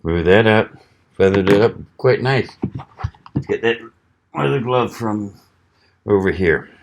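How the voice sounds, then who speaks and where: A middle-aged man from the American South talks through a knife test in a casual, folksy vlog. His voice sits low and unhurried as he thinks aloud between cuts. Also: vocal fry, slight background noise. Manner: relaxed, folksy, thinking aloud while cutting. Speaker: knife reviewer.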